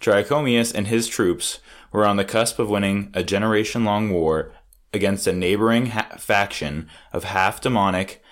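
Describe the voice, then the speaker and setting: This man has a low, deep voice and narrates a tabletop game as its game master. He tells the story in a loose, joking, profane way and often breaks into laughter between lines.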